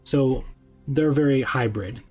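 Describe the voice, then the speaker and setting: A young man who runs tabletop games, chatting casually on a stream with lots of fillers and excited asides. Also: medium pitch, slow, soft background music. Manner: rambling, filler-heavy, excitable. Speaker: game master. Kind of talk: casual chat on a live stream.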